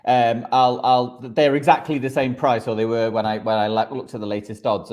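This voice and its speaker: On a podcast, a man gives football betting tips and analysis in a conversational way, sometimes hesitating and repeating himself. His voice sits in the mid range with a slightly mellow quality.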